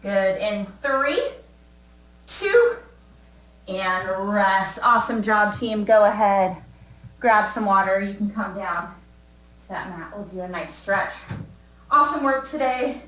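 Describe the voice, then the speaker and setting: A woman's voice: medium pitch, measured pace, fairly bright tone. A young woman leading a live workout class from home, encouraging and counting down, a little out of breath. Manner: upbeat encouraging coaching, counting down. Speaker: fitness instructor. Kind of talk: live fitness class cues. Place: room at home. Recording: echoey room, mic at a distance.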